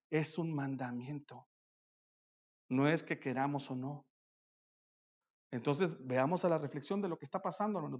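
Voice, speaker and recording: Preaching at a church conference, a man addresses his listeners as brothers and swings from loud declarations to quiet asides. His voice sits high, and the audio is dull.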